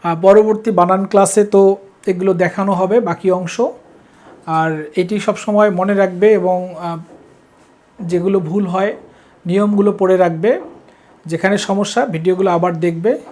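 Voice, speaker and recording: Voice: mid-range voice, fairly even intonation, normal speed, pauses often, a little mellow. A teacher from Bangladesh, explaining language rules step by step and checking that the students follow. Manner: explains step by step, checks understanding with short prompts. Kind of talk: classroom lesson.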